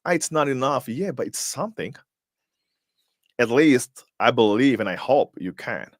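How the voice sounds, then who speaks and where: In clean, echo-free studio audio, a man whose first language is Portuguese hosts a motivational livestream. His voice is medium-pitched and animated, at a moderate pace, and he pushes his points emphatically, throwing out rhetorical questions and repeating words as he hunts for the right ones.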